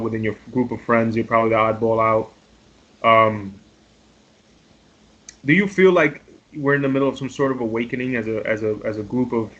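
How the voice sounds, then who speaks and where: A man in his late thirties asks questions in a relaxed, chatty way, filling his sentences with "man" and "like". His voice has an ordinary middle pitch. The sound is dull and lo-fi. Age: late 30s. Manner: laid-back, with filler like "man" and "like". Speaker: interviewer. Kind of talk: casual podcast conversation. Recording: dull lo-fi audio.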